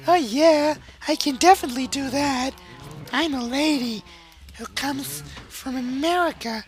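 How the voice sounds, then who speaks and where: A man's voice: very high voice, a little slow, soft background music, voice pushed up. A man putting on a flirty American lady.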